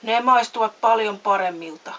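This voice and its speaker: A woman voicing a sly, lying boy who bullies and steals, loud and taunting. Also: on the high side, pitched above the performer's own voice, close to an everyday voice. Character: sly bullying boy, a thief and liar. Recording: faint hiss.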